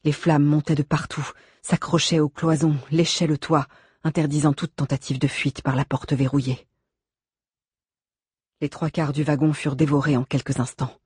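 A narrator reads a novel aloud with measured, suspenseful pacing and a mid-range voice. The tone has a husky grain, recorded close and completely dry. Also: medium pitch, level tone, darkish tone, dry recording. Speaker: audiobook narrator. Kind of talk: dramatic audiobook narration.

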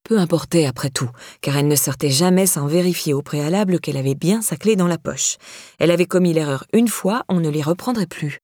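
Breathy woman narrating an audiobook. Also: sits low, brisk, warm tone, dry recording, clean studio sound. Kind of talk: scripted narration.

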